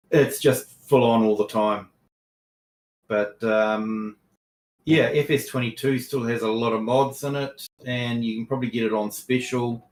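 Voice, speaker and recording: A man with a lowish voice chats casually on a live game stream in an echoey room. He's unhurried, reading chat messages aloud and filling gaps with plenty of ums.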